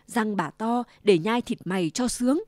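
A wicked old wolf voiced by a woman in a dry, close storybook reading. He growls when plotting and softens into a fake, trembling grandma voice to fool the child. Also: a little high, normal speed, dry recording, close to an everyday voice. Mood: menacing. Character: wicked old male wolf, greedy and sly.

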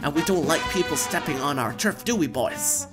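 A man's voice: fairly high pitch, animated, moderate pace, music in the background, natural voice. A man voicing a taunting, menacing cartoon gang leader in a game, proud of his turf. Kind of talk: game character dialogue read-out.

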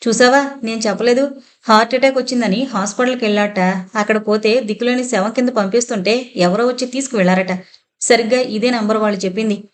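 A woman's voice: fairly high pitch, fairly even intonation, quick pace, lightly acted. A woman reading the part of a village widow, wailing and insistent as she presses her claim. The voice stays close to the reader's own, within a storybook reading. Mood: tearful. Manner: tearful, insistent.

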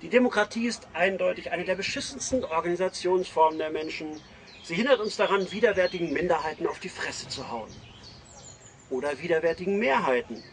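A man voicing a gruff, foul-mouthed man who lectures bluntly within a satirical column he reads aloud. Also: high-pitched, brisk. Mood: ranting.

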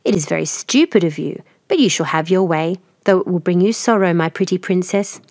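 A woman's voice: lowish voice, brisk, darkish tone, no echo, studio quality, close to an everyday voice. A woman voicing a cruel, scheming old sea witch in a storybook reading, mocking and menacing.

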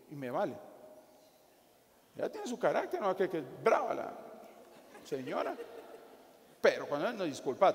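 Male Guatemalan-accented preacher, playful and animated, echoing church hall with faint background hum. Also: sits high. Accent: Guatemalan Spanish. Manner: jokey, animated preaching with acted asides. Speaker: pastor. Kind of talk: sermon. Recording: echoey hall with faint ambience.

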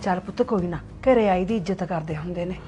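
A woman playing a gentle coaxing mother. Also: on the low side, quick pace, husky. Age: middle-aged. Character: gentle mother scolding her son.

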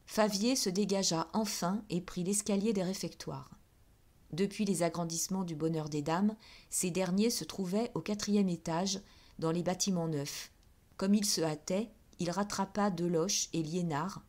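A woman reading a classic novel aloud as an audiobook in a measured, steady way. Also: fairly low pitch. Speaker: audiobook reader.

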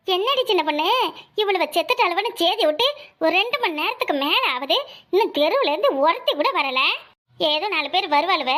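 A woman's voice: extremely high pitch, bright, forceful tone, full character voice. A woman voicing a scheming village woman in a cartoon, who wails in mock grief and gossips slyly. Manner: wailing, gossipy, sly. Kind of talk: Tamil cartoon voice acting.

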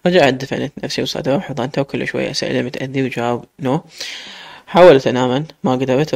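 Fast-reading Iraqi male storyteller. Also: medium pitch, creaky, no room sound. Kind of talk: reading a romance story aloud.

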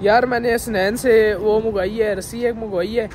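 Man from Pakistan, casual vlog talk, high voice, excitable, noisy street behind. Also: moderate pace. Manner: excitable, exclaiming repeatedly. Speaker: vlogger. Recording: noisy outdoor phone recording.

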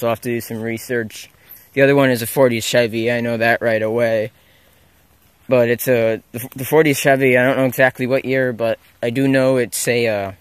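A man's voice: mid-range voice, clean tone, dry recording. A young man casually narrating while walking through a forest, filming on a handheld camera, rambling and correcting himself as he goes. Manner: rambling, unsure, self-correcting. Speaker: explorer filming abandoned sites. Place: outdoors in a forest. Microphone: handheld camera mic.

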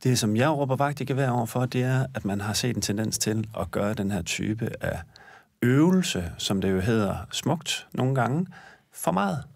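A man's voice: mid-range voice, animated, creaky, dry recording, studio quality. A man speaking as a guest in a panel discussion, arguing his point emphatically. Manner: emphatic and forceful in argument.

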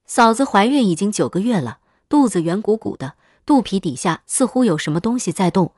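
A woman story narrator reads a creepy first-person tale from a script, steady and matter-of-fact, at a fairly quick pace. Her pitch sits in a middle range, and the recording is close and dry with no room echo.

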